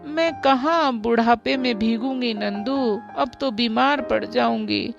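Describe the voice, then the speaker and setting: Brief: woman playing frail storybook grandma, slow and quavering, high voice with some gravel, faint music behind. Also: muffled recording. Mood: fond, wistful. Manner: slow, drawn-out, quavering old-woman delivery. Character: elderly grandmother with aching knees, fond and shy. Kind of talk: storybook voice acting.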